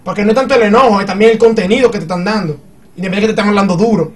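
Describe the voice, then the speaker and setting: A man's voice: high-pitched, rapid-fire, distant mic. A man, chatting in a group discussion and arguing his point through examples. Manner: animated, argues by giving examples.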